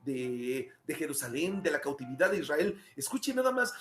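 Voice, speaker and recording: A male pastor delivers an impassioned sermon, hammering points through repetition and rhetorical questions. His voice sits high for a man. The sound is roomy, with a clear echo around him. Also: sing-song, normal speed, soft background music. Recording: echoey room.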